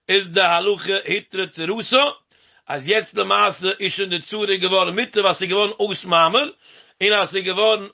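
Guy going through talmud, high gravelly voice, kinda muffled lo-fi recording. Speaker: Talmud teacher. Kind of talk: Talmud study lecture. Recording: lo-fi dull recording.

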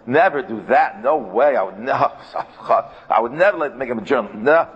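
A man's voice: medium pitch, expressive, normal speed, slightly rough, lo-fi sound. A man voicing a self-important, bragging, falsely modest man who craves honor and respect, in an echoing hall.

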